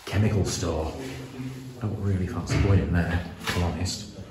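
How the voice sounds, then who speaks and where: A man in his forties with an English Midlands accent, narrating an exploration vlog in a dark abandoned school in hushed, awed tones. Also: low-pitched, fairly even intonation, moderate pace, background noise. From England. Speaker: urban explorer host. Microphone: camera mic held at arm's length. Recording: echoey empty rooms with loud music.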